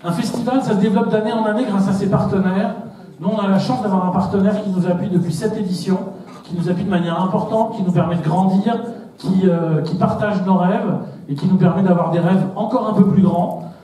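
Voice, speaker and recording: A man's voice: sits high, fairly even intonation, fairly quick, mellow, slight background noise. A man giving an organiser's thank-you speech to an audience. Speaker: festival organiser. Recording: very echoey hall, distant mic.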